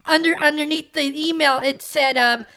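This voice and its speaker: A high-voiced woman co-hosting a casual podcast. Her tone is bright and forward. She rambles through her points with plenty of ums and restarts. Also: fairly even intonation, normal speed. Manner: chatty, rambling with fillers. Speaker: podcast co-host. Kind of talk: casual chat.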